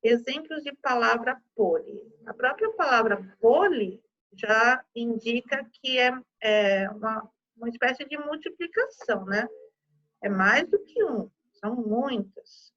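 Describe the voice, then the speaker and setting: A Brazilian woman teaching a young class, sounding out words slowly syllable by syllable and checking in often with her pupils. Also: a little high, animated, fairly bright tone. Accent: Brazilian Portuguese. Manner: slow, exaggerated syllable-by-syllable pronunciation with frequent "tá?". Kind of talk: primary school lesson video. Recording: slightly dull lo-fi recording.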